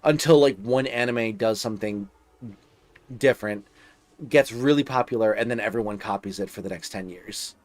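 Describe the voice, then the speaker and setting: A man's voice: fairly low pitch, normal speed, no echo. A young man with a slightly nasal voice streaming live, chatting casually and rambling with lots of filler words and restarts. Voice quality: a bit nasal.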